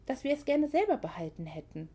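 A flustered young woman, voiced by a female narrator, with a bright, fairly high voice. She talks quickly and anxiously, in the intimate manner of an audiobook novel. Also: big pitch swings, breathy edge, full character voice. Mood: eager.

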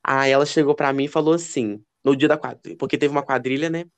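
A man co-hosting a podcast, telling gossipy stories in a casual, animated way. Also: fast. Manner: expressive, lively pitch. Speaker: podcast co-host. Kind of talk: casual chat.

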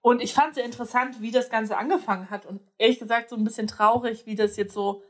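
A young woman talks in a relaxed, conversational way, and her voice sits a little on the high side. She often pauses to search for words and restarts her sentences. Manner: hesitant, many fillers and restarts. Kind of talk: casual chat.

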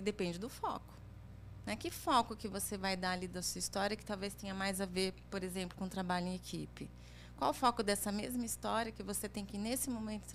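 A woman's voice: mid-range voice, gravelly, slight background noise. A woman career coach explaining things in a chatty way, often ending phrases with tag questions. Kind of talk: conversational advice chat.

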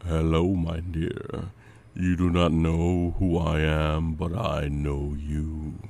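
A man voicing a sinister, patient male demon in a dramatic scripted monologue, speaking with cold courtesy and slow menace. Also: extremely low pitch, completely flat delivery, creaky, darkish tone, exaggerated voice. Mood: quietly menacing.

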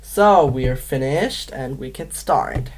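Brief: low, unhurried woman co-host, playful and giggly, casual game chat. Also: lively intonation, a little mellow. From Manchester, England. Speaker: podcast co-host.

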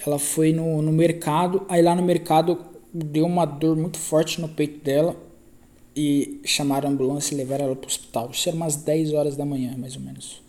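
A man with a Brazilian Portuguese accent talks through a story on his own podcast, loose and slangy. He circles back, corrects himself and repeats phrases as he goes. His voice has a soft, mellow tone. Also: a little high, little pitch movement, fairly quick. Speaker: podcast host. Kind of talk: casual podcast storytelling monologue.

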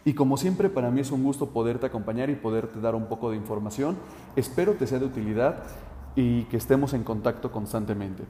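Man instructing, warm voice, echoey room. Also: medium pitch, a little fast, slight background noise. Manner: direct and instructive, with frequent 'eh' fillers. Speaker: safety instructor. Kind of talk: instructional talk addressed to the listener. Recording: roomy with long reverb.

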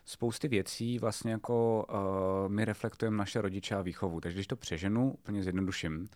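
Chatty man with a low voice. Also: steady tone, a little mellow, no room sound. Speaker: podcast co-host, father. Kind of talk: casual chat.

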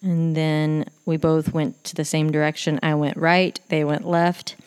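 A woman host telling a personal story in casual, animated speech, acting out what people said, with frequent fillers. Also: low-pitched, unhurried, clean tone. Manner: animated retelling, acts out quoted voices, many fillers.

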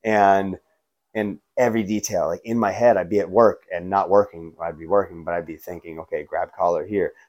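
A man's voice: deep voice, steady tone, brisk, darkish tone. A man chatting casually and telling stories in laid-back frat-bro slang, full of "man", "bro" and "you know". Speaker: guest, martial arts instructor and skateboarder.

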